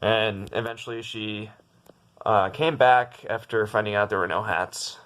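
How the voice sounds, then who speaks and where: A man's voice: lowish voice, fairly even intonation, unhurried, fairly bright tone. A young man telling a story about his bad day in a casual vlog from his bedroom, rambling and upset, with many restarts and fillers. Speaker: vlogger.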